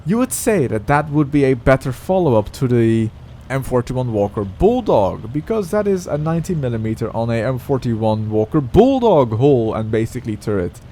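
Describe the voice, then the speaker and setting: A man's voice: medium pitch, very animated, moderate pace, dark tone, a little hiss or hum. A man commentating over his own gameplay in a casual, rambling way, often stopping to correct himself. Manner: rambling, self-correcting, chatty.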